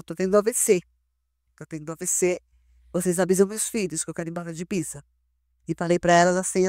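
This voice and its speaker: A woman's voice: lowish voice, darkish tone, no room sound, clean studio sound. A woman, giving an emotional personal testimony as a podcast guest, often breaking off and restarting her sentences. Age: 50s. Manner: emotional, breathless storytelling with restarts.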